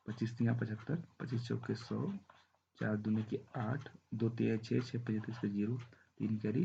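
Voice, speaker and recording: A man's voice: mid-range voice, vocal fry, warm tone, breathy edge, highs cut off. A man teaching a math lesson with a sore throat, walking through the arithmetic step by step and checking in often. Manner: walks through arithmetic step by step, often saying "thik hai".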